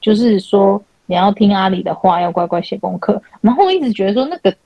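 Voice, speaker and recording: A woman's voice: medium pitch, lively intonation, quick pace, no room sound, lo-fi sound. A woman, hosting an online chat and animatedly retelling counseling sessions, acting out quoted dialogue. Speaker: podcast host and spiritual counselor. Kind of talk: casual chat, telling client stories. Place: online chat room call.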